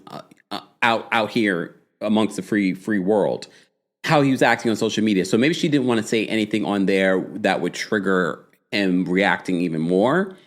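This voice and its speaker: With a fairly low pitch, this man hosts a relaxed live recap of a reality show, gossipy and full of energy, and drops quick asides to his chat.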